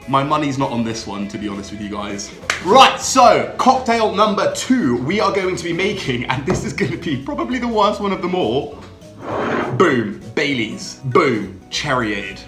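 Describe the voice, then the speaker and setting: Young man, chatty drinks vlog host, animated pitch, echoey room. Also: normal speed, music in the background. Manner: upbeat, chatty, laughs often. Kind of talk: casual vlog chat.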